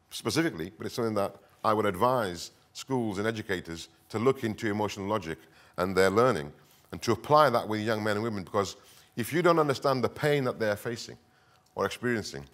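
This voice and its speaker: An earnest man from northern England, a counter-extremism expert, delivers a semi-improvised conference presentation. His voice is lowish and a little bright with lively intonation, and he speaks in deliberate short phrases, repeating points for emphasis.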